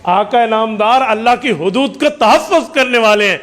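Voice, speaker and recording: Male preacher, animated storytelling sermon, pretty high voice, big reverb hall.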